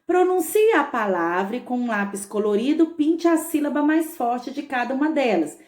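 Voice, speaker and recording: A schoolteacher giving a patient remote lesson to young pupils, drawing out words and checking in often. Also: female voice, high voice, animated, moderate pace, darkish tone. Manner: patient, stretches words, frequent "tá bom?" check-ins. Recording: echoey room.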